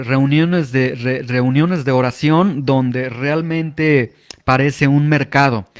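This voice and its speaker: A man preaching a teaching sermon, explaining calmly with frequent filler pauses. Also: mid-range voice.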